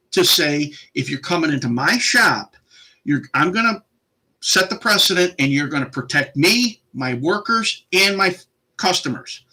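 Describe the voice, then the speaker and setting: A man in middle age tells a story in an indignant, animated rant and acts out both sides of the argument. His voice sits a little high and bright. He jumps all over his range. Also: low-quality recording.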